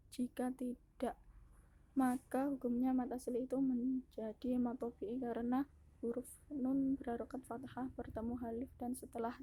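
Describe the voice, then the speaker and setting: A young woman from Indonesia, a university student, steps through Quran recitation rules one by one for a class presentation. Her voice is very dark and husky and sits a little high for a woman. She stays flat and methodical, and now and then restarts a word mid-sentence. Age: young adult. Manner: careful and methodical, listing rules step by step.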